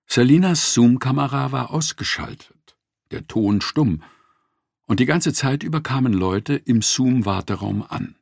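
A man narrating a nonfiction audiobook in a measured, expressive reading, close to the mic. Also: medium pitch, gravelly, no echo.

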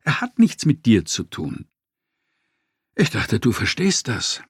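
A man's voice: mid-range voice, wildly swooping pitch, slow pace, breathy edge, dry recording, clean studio sound, exaggerated voice. A man reading the quoted words of an upset wife in an audiobook, in a hurt, pleading way. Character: upset wife, an adult woman explaining herself.

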